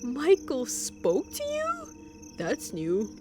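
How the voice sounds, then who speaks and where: A woman voicing a friendly, teasing young woman neighbor in a game, chirpy and bright. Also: high-pitched, wildly swooping pitch, slow, over music, exaggerated voice. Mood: cheerful.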